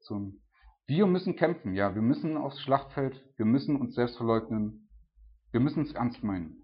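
Male preacher, husky and casual, loose chatty delivery, muffled lo-fi recording. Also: mid-range voice, lively intonation, normal speed. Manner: chatty, peppered with tag questions and filler. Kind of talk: casual conversational sermon. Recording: dull lo-fi recording.

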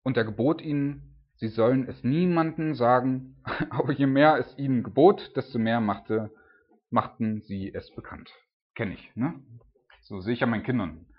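A man's voice: medium pitch, normal speed, muffled recording. A middle-aged father talking informally through a Bible passage, with lots of filler words. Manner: chatty, many fillers like "ne" and "so". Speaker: Bible teacher.

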